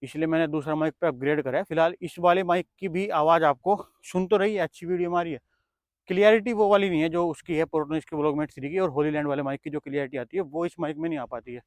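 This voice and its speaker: A man's voice: fairly high pitch, steady tone, quick pace, no echo. A man casually reviewing wireless mics on a clip-on mic, chatty and explaining each step as he handles the gear. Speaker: tech reviewer vlogger. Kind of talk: casual product demo.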